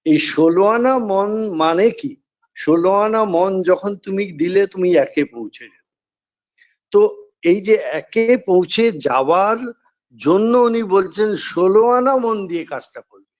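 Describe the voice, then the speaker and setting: Spiritual speaker, male, high-pitched, steady explanatory delivery, slightly dull recording. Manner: measured, explanatory, repeats key phrases. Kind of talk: devotional discourse.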